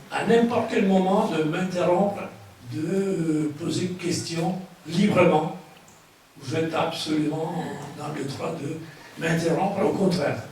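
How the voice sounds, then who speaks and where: Older guy lecturing in french with a foreign accent, not his first language, halting, slow, really echoey room. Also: a little high. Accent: foreign, non-native French. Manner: halting, searching for words. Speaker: guest speaker, book author. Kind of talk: public lecture. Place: large echoing room at a public conference. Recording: very echoey hall, distant mic, faint noise.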